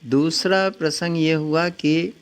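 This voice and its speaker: An older man from the Varanasi region, a guest house owner, tells his story in an interview in an unhurried, reminiscing way with frequent pauses. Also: on the high side, fairly even intonation, clean tone. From Varanasi region, India.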